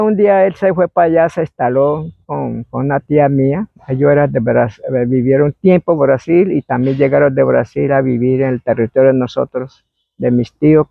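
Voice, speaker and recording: A man, telling an oral history story in a meandering way and acting out shouts and quoted voices. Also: on the high side, vocal fry, no echo. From Colombia. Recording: dry, phone-like narrow sound.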